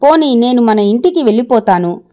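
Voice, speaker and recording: A woman reading as a frail, gentle old father. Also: on the high side, expressive, moderate pace, close to an everyday voice. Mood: weary, gentle. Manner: weak, tired delivery. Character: frail elderly father, gentle and self-effacing.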